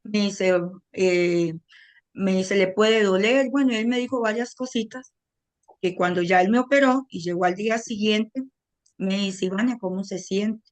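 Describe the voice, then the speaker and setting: Costa Rican woman, middle-aged, mid-pitched; earnest first-person testimony with quoted dialogue. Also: unhurried. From Costa Rica. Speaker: testimony speaker.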